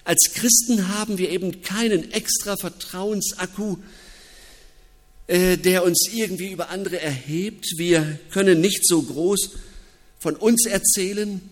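A man preaching a reflective, personal sermon as pastor, with thoughtful pauses. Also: high-pitched. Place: church. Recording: long reverb of a church.

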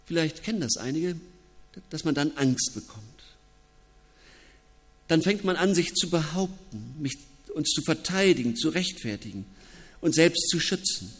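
A man preaching a reflective, personal sermon as pastor, with thoughtful pauses. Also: on the high side, expressive, fairly bright tone, breathy edge. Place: church. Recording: long reverb of a church.

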